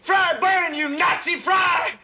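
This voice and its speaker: A man's voice: very high voice, fairly even intonation, takes it slowly, vocal fry, pushed and bright, heavily acted. An actor playing a young man, a traumatized airman reliving a crash in a 1960s film, frantic, pleading and sobbing. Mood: excited. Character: panicked young male bomber airman in a flashback.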